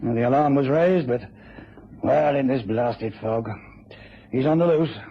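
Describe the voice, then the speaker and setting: An actor playing a blunt, earnest English police inspector in a British radio drama. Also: male voice, mid-range voice, unhurried, a little hiss or hum, natural voice. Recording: dull old radio recording.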